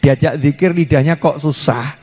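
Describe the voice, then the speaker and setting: High-voiced preacher, reverberant hall. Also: male voice, moderate pace, darkish tone, a little hiss or hum. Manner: playful, asks the audience questions, slips into dialect words. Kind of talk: informal sermon to a women's gathering.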